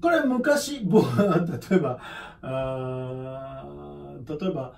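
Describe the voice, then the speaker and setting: A man's voice: a little high, lively intonation, extremely slow, gravelly, distant mic. A man teaching a singing lesson, counting in and singing scales along with a piano. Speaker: vocal coach.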